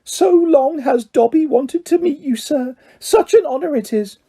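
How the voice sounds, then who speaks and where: A reader voicing a small, servile male house elf with a high, squeaky voice who talks about himself in the third person. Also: a little slow, warm tone. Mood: earnest, pleading. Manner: speaks of himself in third person, adds "sir".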